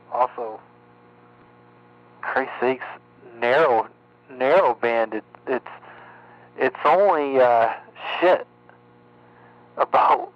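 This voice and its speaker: A man's voice: mid-range voice, dry recording. A man chatting casually on the air as a CB radio operator, swearing in passing, his voice coming through slightly mistuned and off frequency. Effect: slightly mistuned radio sound, off frequency. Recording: dull lo-fi radio with faint hum.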